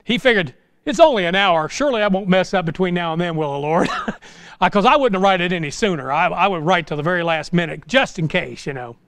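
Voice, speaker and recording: This middle-aged American man is preaching indoors in a small church sanctuary, urging his listeners on in a folksy, informal style full of rhetorical questions. He sits high in pitch and sounds expressive and fairly quick, his tone fairly bright and clean on a dry recording.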